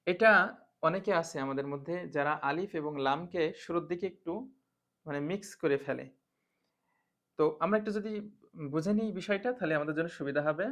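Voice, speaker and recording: A fairly high-voiced man teaches an online class, speaking Bengali with a Bangladeshi accent. He walks patiently through each point and chants the same short phrases over and over in a sing-song drill. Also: a little fast, long pauses, fairly bright tone. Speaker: Quran reading teacher.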